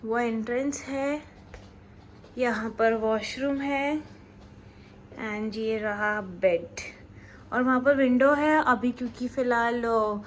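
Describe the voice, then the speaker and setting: A woman's voice: fairly high pitch, takes it slowly, pauses often, slight background noise. A young woman on flight crew, chatting casually to her phone camera in a hotel room, mixing English words into her Hindi. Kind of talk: casual vlog chat to camera.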